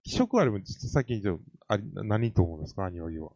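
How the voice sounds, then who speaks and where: A man's voice: lowish voice, very animated, fast talker, a little mellow, no echo, lo-fi sound. A man with a Kansai accent hosting a casual chat, asking questions and airing his opinions. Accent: Kansai Japanese. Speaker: talk host.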